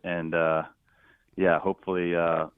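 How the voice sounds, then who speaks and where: Low, flat and unhurried, the smooth voice belongs to a middle-aged Philadelphia stadium announcer being interviewed casually by phone. He rambles as a guest, full of fillers and restarts, and the tinny line is dry with no echo.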